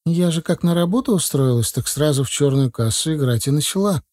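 A woman's voice: deep voice, animated, fairly quick, mellow, no echo, clean studio sound, voice pushed up. A man voicing a fretting young married woman in an audiobook, in a raised, plaintive voice. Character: young married woman, worried about saving money.

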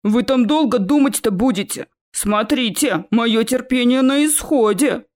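A woman reading the part of a huge male stone troll who speaks with formal, courteous politeness and quiet menace. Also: on the high side, measured pace, lightly acted. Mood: impatient.

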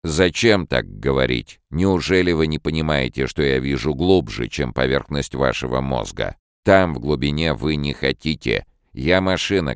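A man voicing an anguished mind-reading robot in an audiobook, pleading and loud. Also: sits low, creaky, clean tone, no echo, studio quality, pitched above the performer's own voice. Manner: desperate, pleading.

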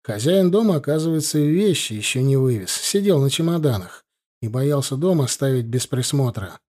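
A man narrating a first-person story as an audiobook, telling it in a lively way. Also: mid-range voice, moderate pace.

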